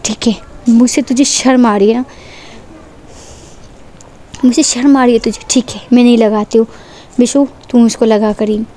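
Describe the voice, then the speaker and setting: Lady doing a scolding mom, high and exasperated, nagging nonstop. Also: steady tone, moderate pace, pauses often, dark tone, close to an everyday voice. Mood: angry. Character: scolding worried mother, sharp-tongued.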